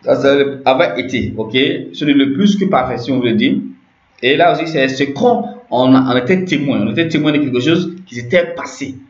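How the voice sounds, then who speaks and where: A man's voice: mid-range voice, normal speed. A man teaching a grammar lesson, explaining step by step, repeating terms and often checking that listeners follow. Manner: repetitive, checks understanding with frequent "ok". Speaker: language teacher. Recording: echoey, dull lo-fi room recording.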